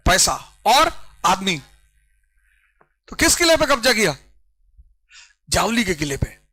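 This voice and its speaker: Guy teaching history class, really high voice, keeps pushing students to ask questions. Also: takes it slowly, no echo, rough recording. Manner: animated, urging students, mixes English phrases.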